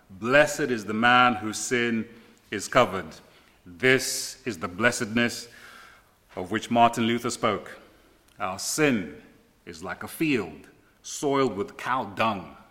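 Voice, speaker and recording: A middle-aged man preaching a sermon, repeating key phrases with emphatic, deliberate pauses. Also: on the low side, bright, forceful tone. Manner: slow deliberate delivery with dramatic pauses.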